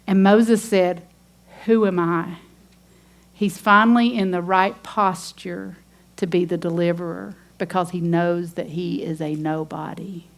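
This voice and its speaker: A woman's voice: on the low side, fairly even intonation, measured pace, creaky. Woman, preaching, earnest, emphatic. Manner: earnest, emphatic, reads scripture aloud. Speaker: women's ministry teacher. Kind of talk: sermon.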